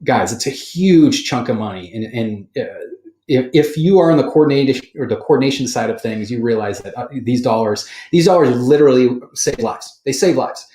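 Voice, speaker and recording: A man hosting a podcast, talking loosely and correcting himself mid-sentence with sudden jumps in energy. His voice sits at an ordinary middle pitch, and the room gives it a noticeable echo. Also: normal speed. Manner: rambling, self-correcting, animated. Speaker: podcast host. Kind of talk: casual chat. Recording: roomy studio echo.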